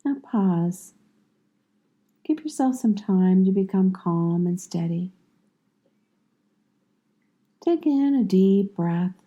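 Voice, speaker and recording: A female yoga nidra teacher leads a guided meditation, her mid-range voice giving gentle, calm instructions in measured phrases with long silences between. The recording sounds muffled.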